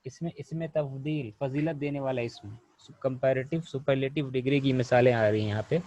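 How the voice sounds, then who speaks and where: A man's voice: medium pitch, darkish tone, no echo, rough recording. A man from India teaching Arabic grammar, patiently asking questions and answering them himself, with English words mixed in. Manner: patient, repeats questions and answers them, often says "theek hai". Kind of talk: online class explanation.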